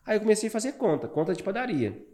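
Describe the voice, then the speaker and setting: A Brazilian man in his thirties, a barber, telling his story as a guest in a casual interview, animated and calling the listener "cara". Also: sits high, quick pace, a little hiss or hum. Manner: animated, fills talk with "cara".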